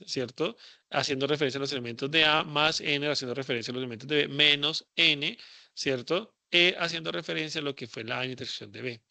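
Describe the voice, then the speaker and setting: A man teaches a class in a loose, thinking-aloud way, full of fillers and checking questions. His voice is gravelly and very bright, and the recording is dry and close, with no room sound. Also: medium pitch, no echo. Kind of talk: classroom lecture.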